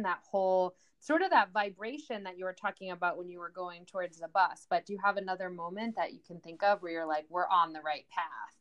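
A woman's voice: medium pitch, smooth. A woman hosting a podcast, reflecting on the guest's story and asking follow-up questions in a chatty way with many fillers. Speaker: podcast host. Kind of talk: casual interview chat.

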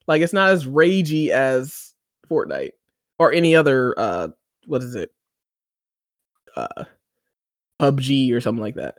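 Animated man retelling a show, dry sound. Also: medium pitch, unhurried, long pauses, no room sound. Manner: rambling, filler-heavy storytelling with acted-out quotes. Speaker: podcast co-host. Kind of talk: casual chat recapping a TV episode.

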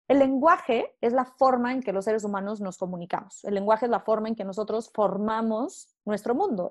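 A woman talks in a relaxed, conversational way. She is animated and acts out little inner voices as she explains her ideas. Her voice sits slightly high. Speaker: guest speaker.

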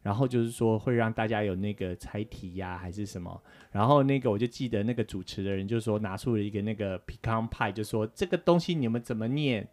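A man's voice: on the low side, steady tone, fast talker, few pauses, darkish tone. A man from Taiwan, co-hosting a casual talk show and explaining things with lots of fillers. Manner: chatty, explains with many fillers. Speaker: co-host. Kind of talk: casual radio chat.

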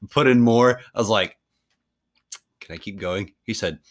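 A man in his early twenties co-hosting a sports podcast, relaxed casual chat with frequent laughs. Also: lowish voice, measured pace. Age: 20s. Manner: relaxed, laughs often, trails off. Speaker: podcast co-host.

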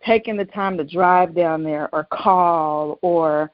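A woman as guest in a faith-based conversation, speaking earnestly with many pauses and restarts. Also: on the low side, no room sound. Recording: dry, dull lo-fi sound.

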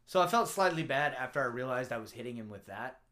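A man's voice: medium pitch, lively intonation, fast talker, a bit bright. A man casually telling a rowdy story from his Navy days, swearing freely and acting out the dialogue.

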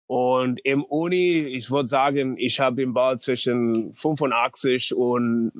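A man's voice: medium pitch, steady tone, no room sound. A man in his thirties from North Dakota speaks German as a second language with an American accent. He is a guest in a casual interview and keeps stopping to search for words. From North Dakota, USA. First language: English. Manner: halting non-native German, searching for words. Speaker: guest, pitching coach.

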